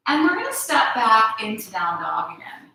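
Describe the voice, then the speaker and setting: A woman yoga instructor guiding a class through poses, giving calm, encouraging cues and often checking in with "right?". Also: a little high, moderate pace, gravelly. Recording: very echoey room.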